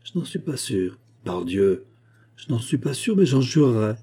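A man's voice: medium pitch, big pitch swings, moderate pace, gravelly, mellow, breathy edge, exaggerated voice. A man reading an audiobook, voicing a bold male musketeer who presses his friend with emphatic oaths. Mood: doubtful. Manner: insistent, emphatic, swearing oaths.

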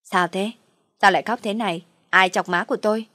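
A woman's voice: medium pitch, fairly even intonation, brisk, sharp tone, dry recording, clean studio sound, close to an everyday voice. Woman voicing a scornful spoiled young wife. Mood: coaxing. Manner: scornful, snappy retorts. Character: sharp-tongued spoiled pregnant young wife.

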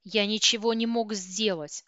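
A woman reader voicing a volatile, possessive young werewolf man who pleads and snarls hoarsely, in a dry, dull recording. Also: mid-range voice, moderate pace, no room sound, lightly acted. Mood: furious. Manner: hoarse pleading turning to growled shouts.

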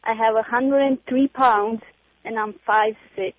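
A Romanian-accented woman in her twenties calls in to a radio show, speaking earnestly and firmly. Her voice is a little high, with fairly even intonation and a slightly slow pace, coming through a dry, tinny phone line.

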